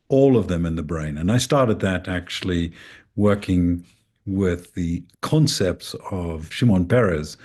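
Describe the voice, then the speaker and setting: A man with a very low voice introduces himself as a panelist at an event. He speaks earnestly and puts emphasis on his points. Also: darkish tone. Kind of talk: speech at an event.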